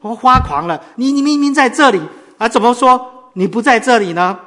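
A man voicing an anxious male gambler who pleads and frets in a high, strained voice. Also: very animated, unhurried, pushed and bright, husky, full character voice. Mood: pleading.

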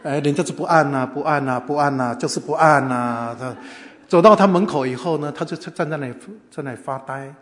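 A man's voice: a little high, a little fast. A man preaching a sermon, telling stories and asking the listeners questions. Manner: storytelling, asks the audience questions. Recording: long hall reverb.

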